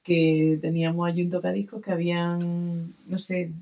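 A man's voice: sits high, level tone, moderate pace, vocal fry, darkish tone, muffled recording. A man who is a guest on a community radio show, chatting and telling stories about music. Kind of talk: casual radio chat.

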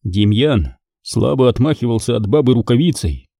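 A man's voice: medium pitch, normal speed, vocal fry, dry recording, studio quality. A man narrating a historical novel as an audiobook reader. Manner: expressive storytelling. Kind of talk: scripted narration.

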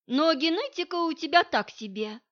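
Audiobook bit: woman reader doing a loud, cheeky young woman, pitched up a touch, dull lo-fi sound. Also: expressive. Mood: teasing. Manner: loud, teasing, quick-tongued. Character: brash cheeky young woman, former shooter. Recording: dull lo-fi recording.

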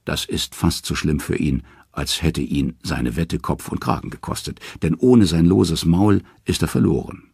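Deep, gravelly man narrating an audiobook expressively, dry and close. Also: measured pace, few pauses, darkish tone, no echo.

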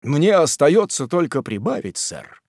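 A man voicing a kindly, stout older gentleman who declaims earnestly in a storybook reading. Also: on the high side, big pitch swings, unhurried, no echo, clean studio sound. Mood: indignant.

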